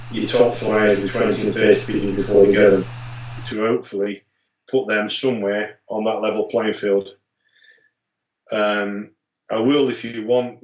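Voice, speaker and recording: Man in a big echoing hall, distant. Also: lowish voice. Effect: heavy echo, like talking in a big hall. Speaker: pigeon racing expert guest. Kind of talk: explaining on a live stream Q&A. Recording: very echoey, distant, dull lo-fi audio with faint ambience.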